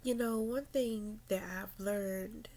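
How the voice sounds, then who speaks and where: A woman speaking slowly and thoughtfully, unhurried, in a personal confessional vlog. She hesitates, restarts her sentences and fills pauses with small verbal tics. At times her voice sinks almost to a whisper. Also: mid-range voice, fairly even intonation, mellow. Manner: reflective, halting, with many fillers and restarts. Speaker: vlogger.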